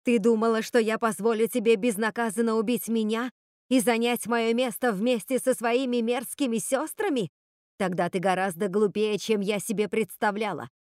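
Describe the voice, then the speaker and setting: A woman's voice: on the high side, steady tone, moderate pace, darkish tone, no room sound, studio quality, natural voice. A woman voicing a scornful undead witch queen. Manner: menacing, scornful. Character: wicked witch mother, queen of the dead.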